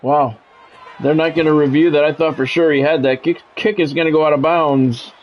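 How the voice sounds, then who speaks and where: Fairly quick and steady in tone, the slightly high voice of an American man calls football play-by-play while he streams his game, with casual chatter mixed in. The former radio sports announcer's audio is dull, with a little hiss or hum.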